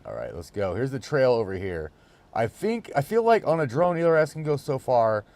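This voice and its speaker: A fast-talking man with a mid-pitched voice gives casual running commentary. He is excited and slangy, swearing freely as he goes. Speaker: FPV RC car video creator.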